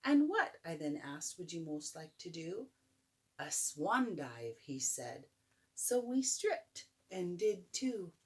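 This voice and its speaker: An older woman, a grandmother, reading a bedtime story aloud in an expressive, playful way, as if to a child. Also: mid-range voice. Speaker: grandmother reading a picture book. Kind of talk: bedtime story read-aloud with chatty asides.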